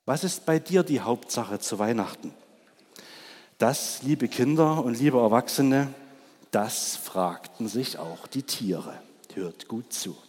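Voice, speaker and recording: A man's voice: mid-range voice, expressive, slow pace, a little mellow, breathy edge. A man in his thirties preaching a Christmas sermon, asking the congregation questions. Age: 30s. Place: large church. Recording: long church reverb.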